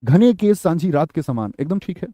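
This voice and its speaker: A man's voice: a little high, big pitch swings, a little fast, mellow, no room sound, studio quality. A young man teaching a Hindi grammar class for exam students, quizzing them with repeated questions and calling them brother and friend. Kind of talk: online exam-prep class lecture.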